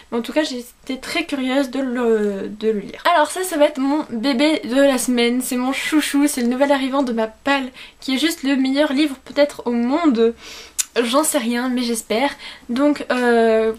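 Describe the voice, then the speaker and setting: Young woman book vlogger, pretty high voice, super casual n chatty, emphatic. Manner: informal, self-correcting, emphatic with repeated intensifiers.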